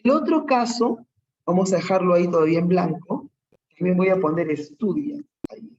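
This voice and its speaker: The online class features a teacher with a Peruvian Spanish accent who patiently works through plenty of examples, checking in often with tag questions. The voice is medium-pitched, animated and darkish, at a moderate pace, on dull audio.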